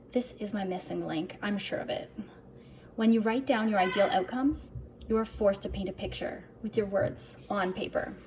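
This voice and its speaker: A self-help vlogger speaks to her viewers in an upbeat personal vlog, chatty and earnest, partly reading from her own script. Her mid-range voice is a little mellow, and the audio is poor, with a little hiss or hum.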